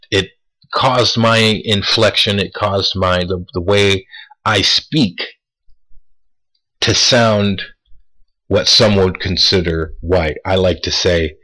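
Husky low-voiced man musing to camera. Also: sharp tone, low-quality recording. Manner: deliberate, repeats words for emphasis; asks rhetorical questions. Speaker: vlogger. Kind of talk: casual monologue to camera.

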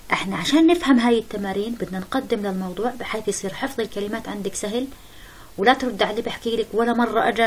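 Brisk woman teacher. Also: mid-range voice, poor audio. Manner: brisk, explanatory, mixes English terms into Arabic. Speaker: English teacher. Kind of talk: exam-prep lesson. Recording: faint hiss.

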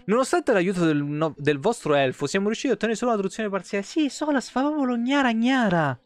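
With game music behind him, a man streams a game at a quick pace, his high voice full of lively intonation and free of room sound. He swears freely and stays irreverent while reading lore aloud with casual asides.

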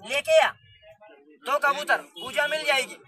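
A young man performing as a street magician, barking patter loudly at a gathered crowd outdoors. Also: very high voice, steady tone, unhurried. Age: young adult.

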